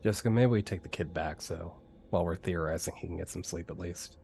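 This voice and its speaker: A man with a deep voice takes part in a tabletop role-playing game. He talks casually in character, as a player among others. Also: quick pace, gravelly, warm tone, slight background noise.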